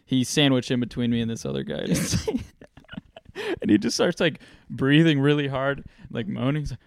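A man co-hosting a podcast, telling a funny story in a casual, animated way with lots of laughter. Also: medium pitch, moderate pace, gravelly, no echo, studio quality. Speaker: podcast co-host.

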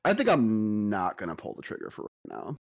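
A man in a tabletop game session, chatting casually, joking and animated as he plays. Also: lowish voice, brisk, vocal fry. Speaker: player.

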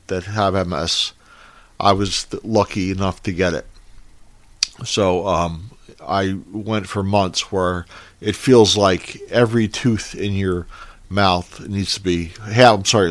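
A middle-aged man talking candidly and haltingly about his own life, his words slightly numb-mouthed, as if he had marbles in his mouth. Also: low-pitched, no echo. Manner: halting, hesitant. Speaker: podcast host. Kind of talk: candid personal monologue.

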